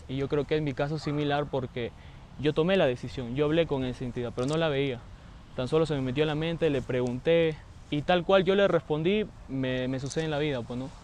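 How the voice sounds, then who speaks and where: A man speaks earnestly and haltingly at an ordinary pitch. A faint hum of street noise sits behind him. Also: a little mellow. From Peru. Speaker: storyteller sharing a personal paranormal experience. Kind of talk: casual spoken storytelling.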